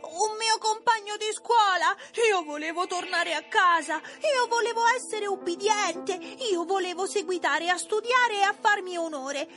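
A shrill, high little puppet boy, sobbing and pleading in slow, stretched-out wails. He whines about his fate in a storybook reading. Soft music runs beneath the voice. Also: full character voice. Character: tearful, whiny wooden puppet boy. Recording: music playing underneath.

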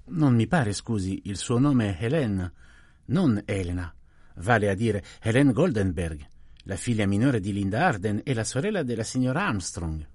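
A man voicing a middle-aged detective who questions politely and quietly but keeps pressing, in a dry, close audiobook reading. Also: on the low side, animated, moderate pace, dry recording. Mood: probing. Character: calm probing male detective, middle-aged.

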